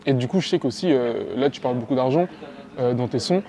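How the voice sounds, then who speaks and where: A man's voice: mid-range voice, a little fast, mellow, a little hiss or hum. A man interviewing a young rapper, asking long, rambling questions and often repeating the guest's words back to him.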